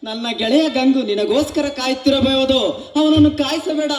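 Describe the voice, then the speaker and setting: A man playing a heartbroken, self-pitying young lover in a melodramatic stage drama, often shouting his lines. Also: extremely high pitch, moderate pace. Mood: anguished. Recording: echoey hall with music behind.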